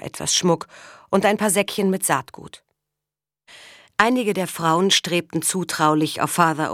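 A woman narrating an audiobook in a steady, measured reading. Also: deep voice, no echo, clean studio sound.

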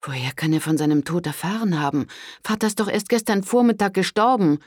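A man's voice: high-pitched, fast talker, no echo, studio quality, pitched above the performer's own voice. A man voicing a proud, defiant young noblewoman who speaks sharply and indignantly in an audiobook.

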